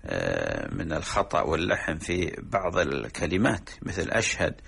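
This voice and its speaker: A man, a sheikh, explaining religious rulings in a measured, teaching way on a radio program. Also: a bass voice, huge pitch swings, gravelly, a bit bright, breathy edge. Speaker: sheikh answering religious questions.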